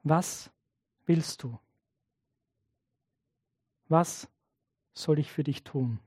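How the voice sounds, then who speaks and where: A preacher voicing a calm, gentle teacher, hushed. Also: male voice, fairly high pitch, breathy edge, pitched below the performer's own voice, full character voice. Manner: soft, slow, quiet.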